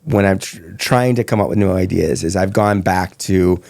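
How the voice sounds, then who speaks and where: A man's voice: deep voice, moderate pace, vocal fry, a little mellow, dry recording, clean studio sound. A man who teaches comedy, chatting casually in a podcast conversation and rambling through his stories. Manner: chatty storyteller, loose and rambling.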